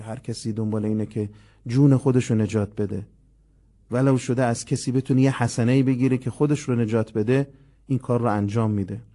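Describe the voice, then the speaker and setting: Guy teaching a quran memorization lesson, middle-pitched, slow demo recitations in between. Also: mellow. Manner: explanatory, demonstrates verses slowly.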